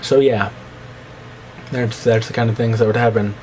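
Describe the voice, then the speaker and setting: In a steady, slightly mellow middle-register voice at normal speed, a young vlogger with a slight lisp rambles to camera and jumps between topics. He teases himself and breaks into squeaky fake voices, over poor audio with a faint hiss.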